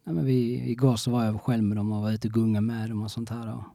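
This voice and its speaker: A young man telling his own story in a casual interview, halting often and restarting with many fillers. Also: lowish voice, little pitch movement, gravelly, mellow, no room sound.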